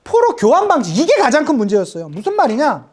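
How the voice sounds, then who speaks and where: A woman's voice: high voice, quick pace. A woman from Daejeon giving an exam-prep history lecture, telling stories animatedly and acting out quotes. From Daejeon, South Korea. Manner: animated storytelling, acts out quotes.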